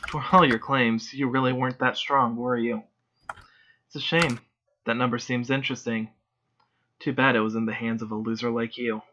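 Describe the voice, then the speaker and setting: A man voicing a cruel, mocking female demon in a quiet, taunting tone. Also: medium pitch, animated, normal speed, lo-fi sound, slight background noise. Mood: cold mocking.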